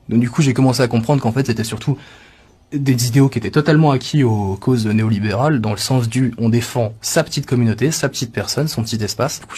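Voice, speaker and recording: Fast-talking young man, husky voice. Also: mid-range voice, darkish tone. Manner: fast, assertive, emphatic. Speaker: interviewee. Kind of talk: personal testimony.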